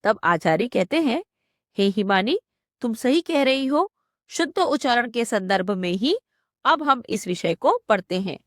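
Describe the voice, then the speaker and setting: Slow, careful woman teacher. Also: a little high, big pitch swings, fairly bright tone, no room sound, clean studio sound. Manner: reads each Sanskrit phrase, then gives its meaning. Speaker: Sanskrit teacher. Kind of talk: line-by-line textbook explanation.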